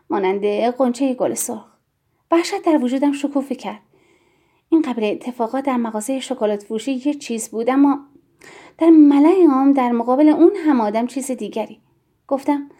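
A woman reading a novel aloud in the first person, in a measured and expressive way. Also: high-pitched. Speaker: audiobook narrator. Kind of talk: scripted first-person story narration.

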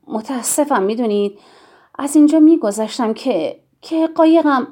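A quiet young drifter gives short, hesitant, evasive answers in a storybook scene, as a woman reads him. His lines fall soft and mellow. The pitch stays a little high. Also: expressive.

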